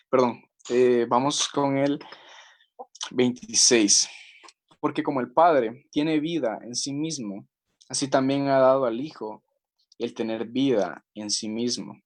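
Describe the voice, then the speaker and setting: A man teaching a Bible study, preaching earnestly and reading scripture slowly with many pauses. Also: mid-range voice.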